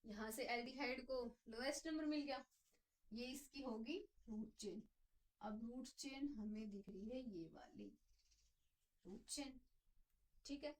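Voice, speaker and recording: A woman's voice: on the high side, unhurried, pauses often, recorded from a distance, poor audio. A woman teaching a chemistry lesson, explaining step by step and answering her own questions as she goes. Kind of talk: classroom lecture.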